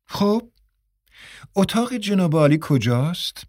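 A woman's voice: fairly low pitch, big pitch swings, darkish tone, pitched above the performer's own voice. A male narrator voicing a prim, prudish older woman who lectures and disapproves in a raised, reproachful tone.

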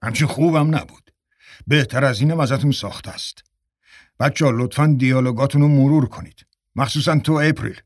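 A man's voice: mid-range voice, dry recording, close to an everyday voice. A man playing a stern theater director who scolds his cast. The voice is slightly raised and firm, recorded close and dry. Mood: weary.

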